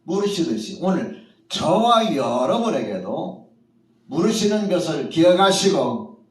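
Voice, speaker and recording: A man's voice: fairly high pitch, very animated, a little slow. A male pastor giving a morning sermon in a church, telling the story vividly and acting out the voices he quotes. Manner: storytelling preacher who acts out quoted voices. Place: church at a morning prayer meeting. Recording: echoey church hall from far off.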